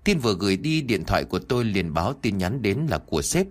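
A man narrating a first-person ghost story in an animated, dramatic way. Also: on the low side, fast.

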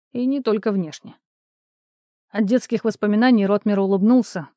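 A woman with a mellow, medium-pitched voice narrates a novel as a scripted audiobook. The studio recording is clean, with no room sound.

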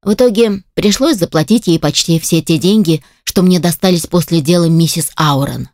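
A woman reading a first-person fantasy audiobook aloud in a firm, steady storytelling voice, recorded on a close studio mic. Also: fairly low pitch, moderate pace, dry recording. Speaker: audiobook reader.

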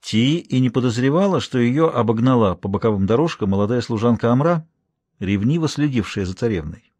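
A man reading a dramatic audiobook in an expressive storytelling manner. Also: medium pitch, a little fast, dry recording. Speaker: audiobook narrator.

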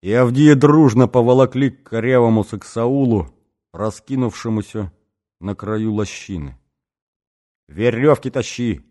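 A man narrating a literary audiobook in a measured, serious way. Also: mid-range voice, warm tone. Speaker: audiobook reader.

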